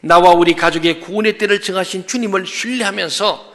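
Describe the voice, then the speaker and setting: A man's voice: high-pitched, a little fast, a bit bright, long reverb tail. A male pastor preaching a sermon emphatically, acting out the voices in the stories he quotes. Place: church sanctuary.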